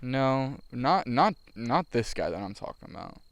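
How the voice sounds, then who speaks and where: A man's voice: mid-range voice, big pitch swings, a little slow, smooth, no room sound. A young man co-hosting a podcast, casually rambling through a story and laughing as he goes. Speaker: podcast co-host. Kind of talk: casual chat.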